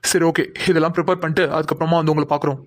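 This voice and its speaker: A man's voice: on the high side, flat delivery, racing, close to an everyday voice. A man voicing a group of young men who banter and complain while cooking in a cartoon. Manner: joking, whiny complaints.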